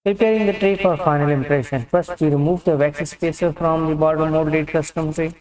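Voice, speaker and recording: A man's voice: a little high, fairly even intonation, normal speed, darkish tone. A man narrating a dental lesson, methodically explaining each step of a procedure. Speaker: dental instructor. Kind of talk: instructional demonstration narration. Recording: roomy and distant from the mic.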